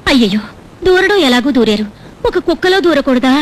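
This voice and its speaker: A woman's voice: high voice, expressive, fairly quick, background noise. A doting, gullible widowed mother. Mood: credulous. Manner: fussy and coaxing, melodramatic. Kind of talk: comic film scene acting. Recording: film audio with soundtrack music behind.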